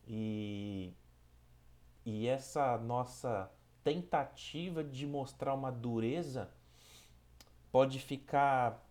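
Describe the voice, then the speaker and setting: A man with a Brazilian Portuguese accent leads a spiritist study group at a measured, mid-pitched level. His delivery is calm and reflective, moving from a read passage into thoughtful teaching, and he often pauses to check in with his listeners. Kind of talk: reading a passage, then reflective teaching talk.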